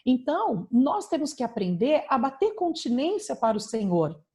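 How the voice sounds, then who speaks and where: Woman, Brazilian Portuguese accent, pastor, testimony sermon, emphatic, mellow tone, video call. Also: sits high, very animated, normal speed. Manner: emphatic, frequent tag questions.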